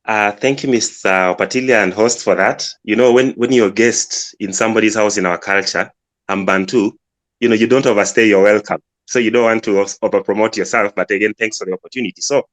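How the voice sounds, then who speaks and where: Ugandan man, app founder, earnest explainer, low pitch, dry phone audio. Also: fairly even intonation, a little fast, a bit bright, no room sound. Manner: earnest, explanatory, many restarts. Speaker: app founder, guest speaker. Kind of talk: casual pitch on a live audio room.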